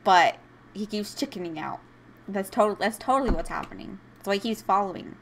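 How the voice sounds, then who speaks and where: A woman's voice: medium pitch, lively intonation, moderate pace, gravelly, fairly bright tone, a little hiss or hum. A young woman giving chatty, emotional commentary while playing a life-sim game as a video host. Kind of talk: casual gameplay commentary.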